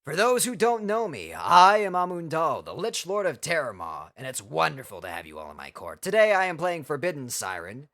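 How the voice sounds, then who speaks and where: Ancient undead lich king streamer doing the voice, raspy n grand, courtly talk, really swoopy pitch. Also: wildly swooping pitch, a little fast, hardly any pauses, fairly bright tone. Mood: grand, stately. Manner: grandiose, formal courtly greeting. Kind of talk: streamed character introduction.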